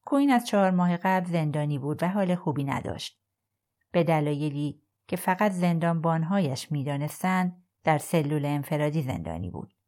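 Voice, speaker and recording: A woman narrating a novel chapter for an audiobook podcast in a calm, even storytelling manner. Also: deep voice. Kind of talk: scripted narration.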